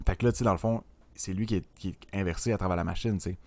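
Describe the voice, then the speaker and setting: A young man with a Quebec French accent, co-hosting a casual film podcast, animated and full of fillers, dropping in English words. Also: sits low, very fast. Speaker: podcast co-host.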